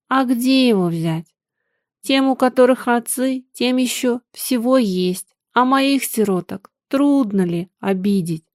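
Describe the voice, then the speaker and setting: A woman's voice: fairly high pitch, no echo, studio quality. A woman voicing a poor, grieving peasant mother who speaks in plaintive, sighing folk speech.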